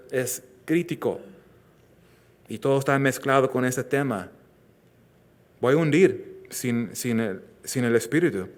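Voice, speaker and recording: Man, pastor, sermon, mid-pitched voice, earnest, swings between loud emphasis and soft tender lines. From Southern California. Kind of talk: expository sermon.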